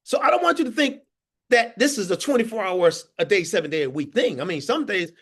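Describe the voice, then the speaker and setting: Animated man leading an online training. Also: high voice, fairly quick. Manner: animated storytelling with laughs and audience questions. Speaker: workforce trainer. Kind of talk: interactive online training talk. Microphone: video call.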